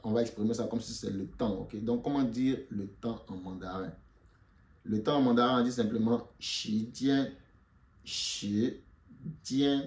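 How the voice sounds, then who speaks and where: A man's voice: lowish voice, warm tone, echoey room. A man giving an online Mandarin lesson in French, patiently repeating each word for learners to say after him. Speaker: Mandarin teacher.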